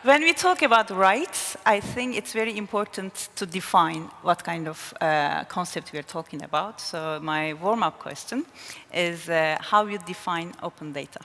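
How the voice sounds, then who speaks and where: A woman's voice: on the low side, normal speed, fairly bright tone. A woman with a Turkish accent, moderating a conversational panel interview in front of an audience. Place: large conference hall. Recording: long hall reverb.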